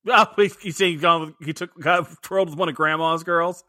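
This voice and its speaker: A man's voice: on the high side, steady tone, brisk, bright, forceful tone, no room sound, clean studio sound. A man co-hosting a movie podcast, chatting casually and laughing often between rambling restarts. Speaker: podcast co-host. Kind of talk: casual movie review chat.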